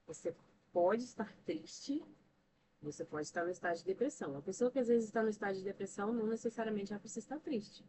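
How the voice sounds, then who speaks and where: A woman's voice: mid-range voice, fast talker. A Brazilian woman, a podcast guest, talks about faith and emotional health in an emphatic, preacher-like way full of rhetorical questions. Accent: Brazilian Portuguese. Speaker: podcast guest, church member and counselor. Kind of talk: earnest religious talk on emotional health. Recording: distant mic with faint noise.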